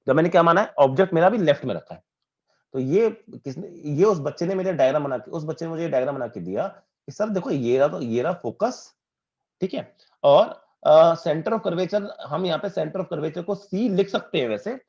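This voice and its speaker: A man's voice: a little high, animated, moderate pace, creaky, a little mellow, breathy edge, dull audio. A man teaching a physics class online, asking questions and answering them himself and repeating key points for emphasis. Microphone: video call.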